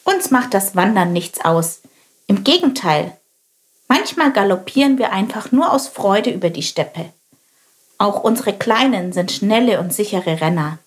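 A woman voicing a kind, calm zebra mother who speaks in a friendly, storytelling way. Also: mid-range voice, unhurried, natural voice.

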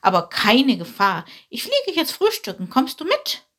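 A woman voicing a fat, easygoing male bird in a storybook reading, amused and reassuring, with a breathy tone. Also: high-pitched, huge pitch swings, measured pace, a bit bright, voice pushed up, exaggerated voice.

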